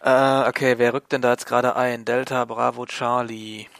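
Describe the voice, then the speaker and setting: A man with a medium-pitched voice talks through a tactical shooter. The sound is close and dry. He moves between informal chat and terse radio procedure. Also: level tone, moderate pace, vocal fry, a bit bright, no echo. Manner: informal, alternating with clipped military radio phrases. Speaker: video game player. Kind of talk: casual chat and radio calls during tactical co-op gameplay.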